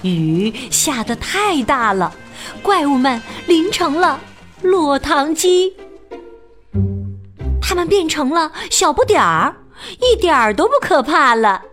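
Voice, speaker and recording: A woman reads a picture book aloud for children in an unhurried, sing-song manner. Her fairly high voice rises and falls expressively. Quiet music plays beneath her. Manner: slow, lilting, expressive storytelling. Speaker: children's storyteller. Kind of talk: picture-book story reading. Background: faint music.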